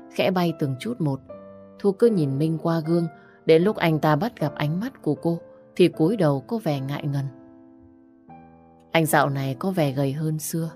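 A woman narrating a dramatic audio story at a steady pace. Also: low-pitched.

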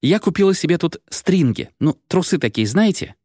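A man's voice: expressive, moderate pace, darkish tone, no echo, studio quality. A man voicing a giggly, pushy young woman. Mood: rambling. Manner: rambling, pleading, high-pitched chatter. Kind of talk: audiobook character voice.

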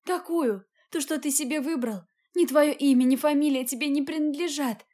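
A frightened young woman, close to tears, pleads in a strained, raised voice, as a woman reader puts her on. Her tone stays soft and mellow under the fear. It is a scene from a spoken audiobook. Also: high-pitched, moderate pace, voice pushed up, natural voice. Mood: frightened, upset.

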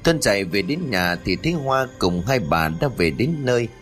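Guy narrating a ghost story, lowish voice that swings around a lot, soft music under it. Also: very animated, moderate pace. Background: faint background music.

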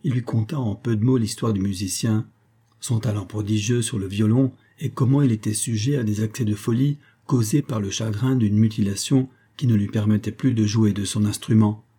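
A man reading a tale as an audiobook in a measured, steady way. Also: fairly low pitch, breathy edge. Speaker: audiobook reader.

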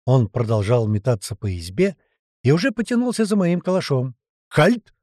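Male narrator, first-person audiobook: lively pitch, warm tone, dry close recording. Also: brisk, no room sound. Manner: expressive, colloquial storytelling.

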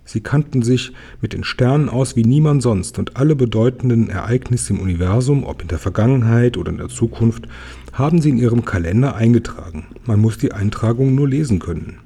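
A man calmly reading a children's book aloud, chapter by chapter. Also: mid-range voice, brisk, slightly rough. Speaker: reader.

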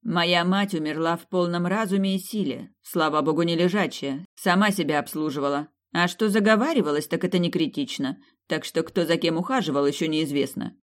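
A woman's voice: fairly low pitch, brisk, hardly any pauses, close to an everyday voice. A woman reading an audiobook, voicing a curt, dismissive middle-aged mother who speaks harshly to her daughter.

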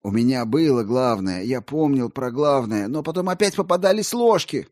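A man's voice: medium pitch, lively intonation, normal speed, no room sound, clean studio sound, voice pushed up, natural voice. A man doing a feverish, rambling collector. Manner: feverish, pleading, rising to near shouts. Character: excitable, rambling male collector, wild-eyed.

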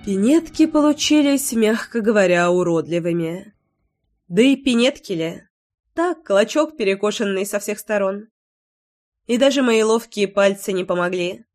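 A woman narrating a first-person novel as an audiobook, her voice at an ordinary pitch. She reads with lively, emotional expression and flares up sharply in the heated moments. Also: normal speed, faint music behind.

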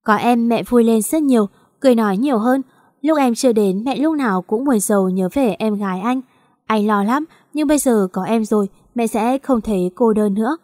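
A woman voicing a gentle, kind young man, an older brother, in an audio story. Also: fairly high pitch, moderate pace, no room sound, studio quality, lightly acted.

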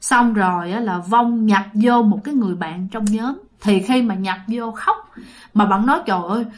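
A woman's voice: mid-range voice, moderate pace. A woman telling a ghost story in a chatty way, talking straight to listeners. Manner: chatty, addresses listeners directly.

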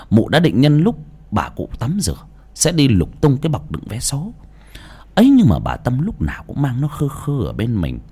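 Husky guy reading a sad drama story out loud, voice swoops up and down a lot. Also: mid-range voice. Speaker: narrator. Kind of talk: scripted storytelling narration.

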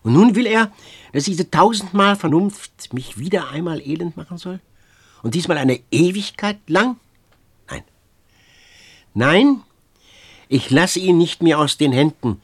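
A man's voice: mid-range voice, very animated, moderate pace, husky. A man doing a desperate young woman, Fenice. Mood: defiant. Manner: pleading, rising into loud outbursts. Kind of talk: audiobook reading.

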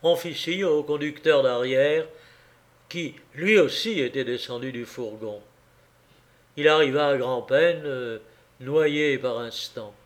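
A man reading a classic novel aloud as an audiobook, in a measured, deliberate way. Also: medium pitch. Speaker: audiobook narrator.

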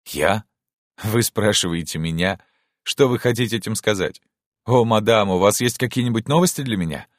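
An emotional young prince, pleading and earnest, as a male reader acts him out with a low voice pushed higher in his pleas. The sound is dry and close, as in a storybook recording. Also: moderate pace, dry recording, close to an everyday voice. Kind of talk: audiobook character reading.

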